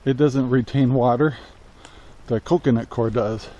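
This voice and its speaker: In a muffled recording, a homesteading vlogger in his sixties speaks at a measured pace in a mellow, steady, medium-pitched voice. The American talks easily and rambles with lots of "uh"s, filming a casual how-to at arm's length in his yard and greenhouse.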